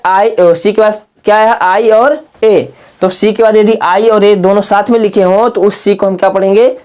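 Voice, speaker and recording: A man teaching a casual video lesson, who asks questions and answers them himself, and spells words out slowly. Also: sits high, a little mellow. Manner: slow, drawn-out spelling aloud.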